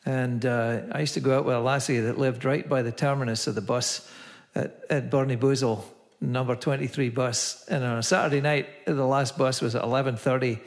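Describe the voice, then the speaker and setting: A man with a Scottish accent softened by years in America, a native Scots speaker, chattily introducing songs and explaining dialect words as a singer at a concert. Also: medium pitch, fairly even intonation, a little fast, few pauses. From Aberdeen, Scotland. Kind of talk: casual spoken introduction between songs. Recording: long hall-like reverb.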